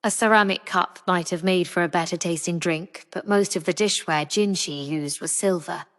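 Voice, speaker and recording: Lady reading a novel out, steady storytelling, kinda low voice, long echo trailing off. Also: moderate pace. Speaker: audiobook narrator. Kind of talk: scripted novel narration.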